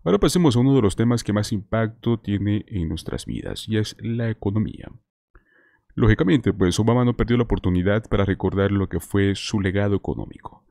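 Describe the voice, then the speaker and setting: A man's voice: fairly low pitch, expressive, fairly quick, creaky, mellow, dry recording, clean studio sound. A man in his thirties giving conversational online news commentary to viewers, full of rhetorical questions. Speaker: political commentator. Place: small indoor streaming setup. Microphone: close desk microphone with headphones.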